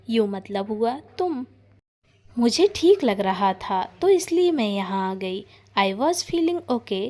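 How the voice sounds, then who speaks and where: A woman teaching English. She reads each phrase slowly in a deliberate drill and says every sentence twice. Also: on the high side, darkish tone. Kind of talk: slow bilingual phrase drill.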